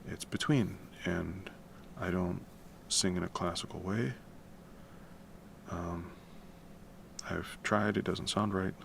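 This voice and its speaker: This is a slow, gravelly deep baritone belonging to a man who streams music composition from home at night. He rambles casually while working, swears in a relaxed way, and speaks softly to keep things quiet. Background noise, typing among it, is noticeable.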